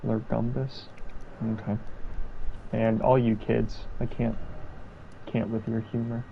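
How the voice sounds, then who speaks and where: A man's voice: medium pitch, level tone, slow pace, vocal fry, narrow, tinny audio. A laid-back man chatting on a game stream as a co-host, laughing often. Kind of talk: casual gaming stream chat. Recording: faint background noise.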